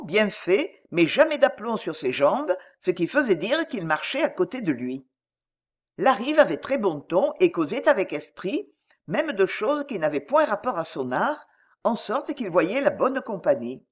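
Woman audiobook reader, lively intonation, measured literary delivery. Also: mid-range voice. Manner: measured, expressive literary reading. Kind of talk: scripted narration of a memoir.

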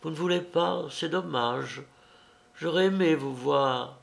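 A scornful young woman from a read-aloud novel, as a male narrator puts her on. Her voice sits higher than his own and drifts soft and breathy, dragging the words out slowly. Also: full character voice. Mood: pleading softly. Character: scornful young woman of the night, proud and mocking.

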